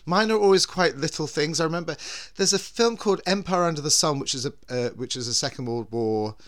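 A man's voice: fairly high pitch, fairly quick. A man hosting a podcast as a drag performer, with a camp, theatrical way of talking. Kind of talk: theatrical show introduction and casual chat.

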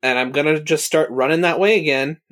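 A man playing a tabletop game, hesitant and planning his moves out loud with many pauses. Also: on the high side. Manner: hesitant, lots of ums, planning aloud. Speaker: player. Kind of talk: casual tabletop play.

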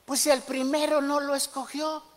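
A man's voice: very high-pitched, level tone, normal speed, long reverb tail. A man voicing a humble, nervous male job seeker who stammers and hesitates.

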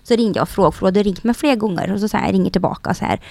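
A middle-aged woman tells her story as a guest, acting out quoted remarks and pausing often on small hesitations. Her voice is gravelly with a dark, mellow tone. The sound is dry and close, with no room echo. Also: medium pitch. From Sweden. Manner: lively storyteller who acts out quoted speech, many hesitations. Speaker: guest, racing team manager. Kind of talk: casual interview conversation.

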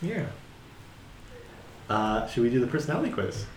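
A man co-hosting a casual chat show, reading a plot summary with a lively delivery. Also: mid-range voice, moderate pace, slight background noise. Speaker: podcast co-host. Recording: roomy echo.

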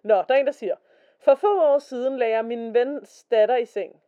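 A warm-toned woman whose voice sits on the high side reads stories aloud and chats as co-host of a casual podcast. She's talkative and reads quotes slowly. The recording has a dull, lo-fi quality.

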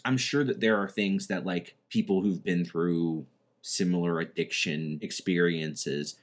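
Casual podcast co-host, man, very low voice, rambling and chatty. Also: steady tone, unhurried. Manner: chatty, many "like" fillers. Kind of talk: casual film discussion.

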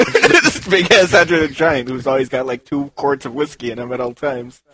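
A man chatting casually as co-host, chiming in with quick wry remarks and frequent laughter. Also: medium pitch, sharp tone. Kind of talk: casual chat.

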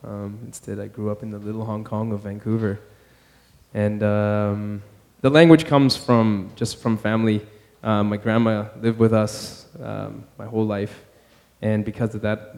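A man's voice: fairly low pitch, gravelly, a little mellow. A man from Canada, the band's singer, chatting easily and joking in an interview. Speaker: band lead vocalist. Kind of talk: casual interview chat.

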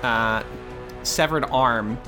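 A man's voice: mid-range voice, drawn-out words, loud music behind the voice. Laid-back male game master. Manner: relaxed, hesitant, full of fillers. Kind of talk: narrating a tabletop game.

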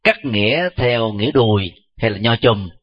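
A man, a Buddhist monk, giving a measured dharma talk and answering questions, pausing often with soft fillers. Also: lowish voice, lively intonation, slightly rough. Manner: slow, measured, frequent filler "à". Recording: dull lo-fi recording.

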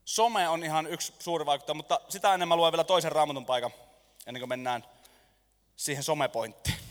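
A man preaches to a congregation in a lively, joking way, staging little skits with volunteers and pausing for laughter. His voice sits slightly high. A long echo from the large hall follows every phrase. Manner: animated, jokey, lets the room laugh. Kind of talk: lively sermon with audience skit. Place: church hall.

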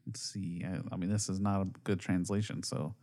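A man's voice: low-pitched, little pitch movement, fairly quick, warm tone. A man casually reacting to videos as a host, with amused, mocking commentary. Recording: music behind the voice. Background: background music.

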